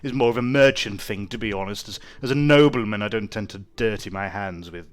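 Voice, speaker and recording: A man's voice: fairly low pitch, brisk, close to an everyday voice. A man voicing a haughty nobleman who looks down on merchants, speaking in an airy, pompous and hesitant way.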